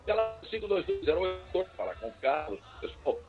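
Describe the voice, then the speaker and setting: A man's voice: high-pitched, very animated, over music. Man on a call that keeps cutting out. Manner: halting, repeats words as the line drops. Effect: phone line breaking up and cutting out. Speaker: radio show contributor calling in. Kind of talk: live radio call-in. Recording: muffled, cutting-out phone call.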